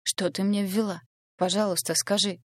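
A woman voicing a frightened pregnant young woman who speaks softly and pleadingly, for an audiobook. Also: mid-range voice, steady tone, normal speed, dry recording, natural voice. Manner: soft, pleading.

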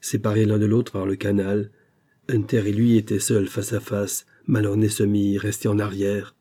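Man, audiobook narrator, low-pitched, mellow, measured reading. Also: level tone, breathy edge. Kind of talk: scripted narration.

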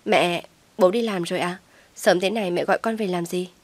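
A woman's voice: fairly low pitch, steady tone, fairly quick, dry recording, natural voice. A woman voicing a stubborn young daughter who pleads tearfully with her mother, recorded dry and close. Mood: defensive.

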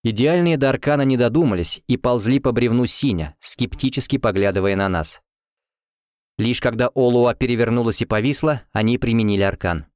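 A man's voice: mid-range voice, a little fast, darkish tone, clean tone, no room sound. Man reading a fantasy audiobook, dry. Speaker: audiobook reader. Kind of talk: scripted narration. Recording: dry close recording.

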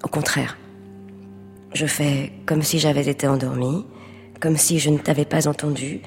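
A woman's voice: deep voice, fairly even intonation, normal speed, a little mellow, big-room sound, faint music behind. An actress playing a guarded married woman who speaks in a controlled, reserved way, in a stage play. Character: guarded married woman, cool and self-protective.

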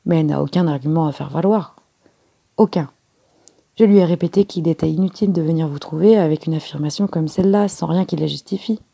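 An earnest, guarded young woman in an audiobook, read by a woman in her own voice. Her tone is low and mellow, with a gravelly, husky texture. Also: fairly quick, full character voice. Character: young woman secretary, poised, elegant, reserved. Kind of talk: audiobook character reading.

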